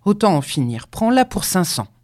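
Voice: mid-range voice, big pitch swings, normal speed, a little mellow, dry recording, clean studio sound, voice pushed up, natural voice. A reader voicing a sly peasant man who bargains tersely and grudgingly. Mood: bargaining.

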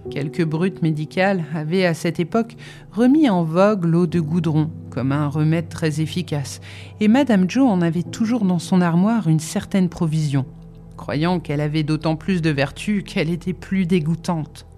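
A reader narrating a novel in a measured, even way. The voice is mellow and warm. Faint music runs underneath. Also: mid-range voice. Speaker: audiobook reader.

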